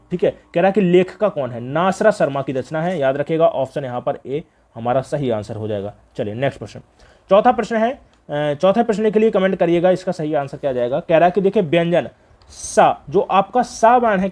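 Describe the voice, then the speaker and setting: A man's voice: fairly high pitch, a little mellow. A man teaching a Hindi grammar exam revision lesson. He keeps repeating each answer back as a question to his students and checks in with frequent fillers.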